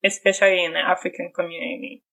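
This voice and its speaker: A woman's voice: on the low side, little pitch movement, fast, creaky, fairly bright tone, rough recording. A young woman co-hosting a casual podcast, asking questions and explaining her point in a curious way. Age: young adult. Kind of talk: casual chat.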